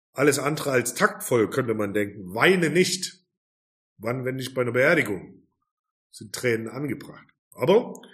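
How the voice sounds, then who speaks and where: A man's voice: mid-range voice, a bit bright. Earnest German-speaking male preacher. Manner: earnest, emphatic preaching with rhetorical questions. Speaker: pastor. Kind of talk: sermon.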